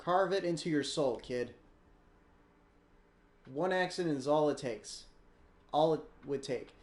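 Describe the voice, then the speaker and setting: [name], a man doing a gruff old sparrow lady. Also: fairly high pitch, measured pace, a little hiss or hum, close to an everyday voice. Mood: stern. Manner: stern, lecturing. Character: gruff older female sparrow, stern cautious driver. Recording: echoey room with guitar music.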